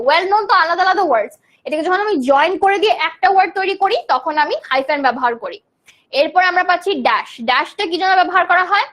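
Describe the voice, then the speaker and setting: A woman's voice: very high voice, a bit bright. A young woman from Bangladesh teaching a live online grammar class, explaining terms and answering students' chat questions.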